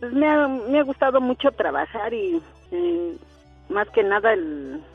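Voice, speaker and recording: A woman's voice: sits high, measured pace, gravelly, soft background music. A woman calling a radio show on a speakerphone, answering in a hesitant, earnest way through a dull, lo-fi line. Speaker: caller. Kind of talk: phone call to a radio show. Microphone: phone on speaker. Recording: dull, lo-fi phone sound.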